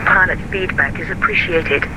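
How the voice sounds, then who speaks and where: Give me a high male automated airport weather broadcast. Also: steady tone, moderate pace, background noise. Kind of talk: recorded weather and runway information bulletin.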